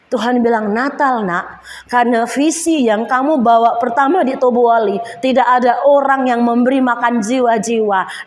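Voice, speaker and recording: A woman pastor gives an impassioned testimony, her voice pitched high and climbing toward shouts when she pleads, then dropping low on her trailing asides. The sound rings with a long reverb, as in a church hall. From Indonesia. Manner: emotional, rising to near shouts when pleading. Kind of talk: testimony sermon.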